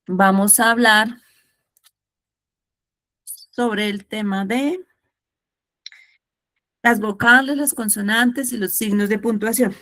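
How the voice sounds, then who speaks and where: A woman teaching an online class over a video call, her voice sitting at an ordinary middle pitch. She explains step by step and turns the lesson into a little storybook tale, listing examples one by one for her students. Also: fairly bright tone. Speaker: Spanish teacher.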